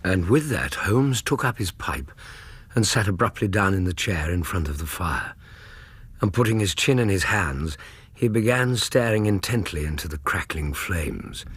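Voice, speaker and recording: Doctor Watson, deep and husky. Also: male voice, expressive, a bit bright, heavily acted. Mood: measured narration. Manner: measured, literary storytelling. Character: male doctor, detective's loyal companion and narrator. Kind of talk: radio drama narration and dialogue.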